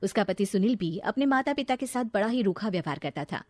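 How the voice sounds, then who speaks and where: A woman narrating a family story in a plain, steady manner. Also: medium pitch, brisk, dry recording.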